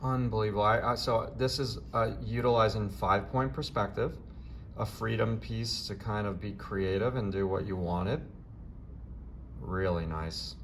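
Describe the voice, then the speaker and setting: A man's voice: lowish voice, steady tone, unhurried, a little hiss or hum. A man hosting a casual interview in a classroom as art teacher, gushing with praise. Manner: enthusiastic, effusive praise. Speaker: art teacher and video host. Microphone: handheld camera, no tripod.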